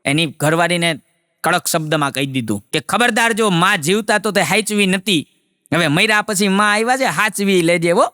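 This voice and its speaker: A man telling a long joke with lively storytelling. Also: high-pitched, moderate pace, no echo, clean studio sound. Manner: lively storytelling, voices rising for punchlines. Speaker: stand-up comedian.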